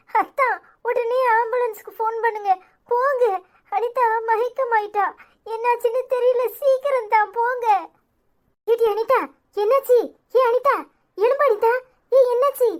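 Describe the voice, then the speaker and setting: A woman voicing a frantic young village woman who gives urgent, tearful orders, with a Tirunelveli Tamil accent. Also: very high voice.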